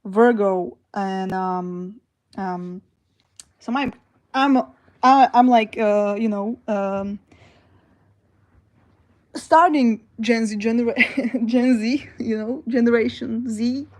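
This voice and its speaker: Woman streamer, 20s, from Slovakia; slow, hesitant, mellow, higher-pitched casual chat. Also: rough recording. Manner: slow, hesitant, many fillers and restarts. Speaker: livestream host. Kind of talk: casual livestream chat reading comments.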